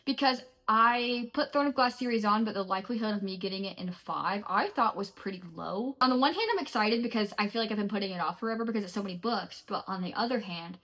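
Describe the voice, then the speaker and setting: A woman's voice: medium pitch, quick pace, few pauses, a bit bright. A young woman talking casually in a vlog, chatty and playful. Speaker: vlogger.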